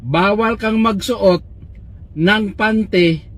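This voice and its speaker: A man's voice: high-pitched, drawn-out words, fairly bright tone, exaggerated voice. A man voicing a sly, drawling young joker.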